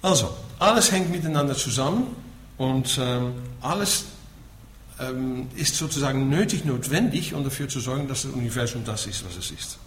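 A Buddhist teacher, a middle-aged Dutch man with a Dutch accent, explains ideas to listeners and keeps adding a short questioning word after his points. His medium-pitched voice has lively intonation and a normal speed. It's recorded in an echoey room with faint noise behind him.

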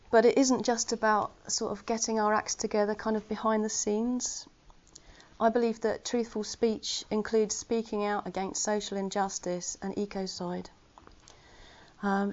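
A woman with a darkish, mid-range voice shares an informal Dharma talk with her Buddhist community, earnest and conversational in tone and quick to laugh at herself. The recording comes through slightly muffled.

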